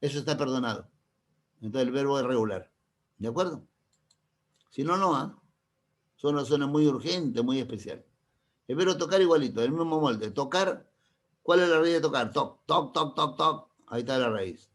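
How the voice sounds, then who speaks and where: A middle-aged man, teaching a classroom grammar lesson. He keeps checking that the class understands with quick questions and uses playful, teasing examples. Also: medium pitch, expressive. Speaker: language teacher.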